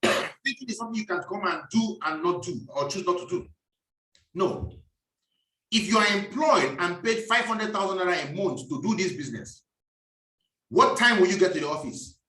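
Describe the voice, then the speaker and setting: A man's voice: high-pitched, animated, normal speed, long pauses, bright, forceful tone, far from the mic. A man giving a preachy, emphatic business talk and repeating his key phrases. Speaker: business speaker. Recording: echoey room, voice off-mic.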